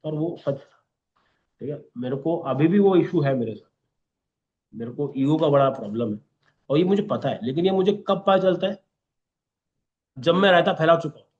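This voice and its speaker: A man's voice: on the high side, normal speed, pauses often. Candid young man, lo-fi recording. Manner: candid, animated anecdotes with frequent "theek hai". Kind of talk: casual storytelling.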